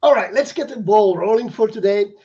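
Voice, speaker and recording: A man's voice: sits high, fairly quick, mellow, lo-fi sound. A man hosting a live online chat, talking casually with frequent fillers and restarts. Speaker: host.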